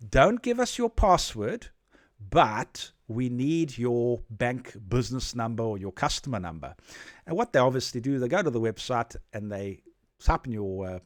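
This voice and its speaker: A man's voice: medium pitch, dry recording, studio quality. Direct, emphatic man giving IT advice. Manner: direct, emphatic, frequent "all right?" check-ins. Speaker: IT support technician. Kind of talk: casual advice talk to camera.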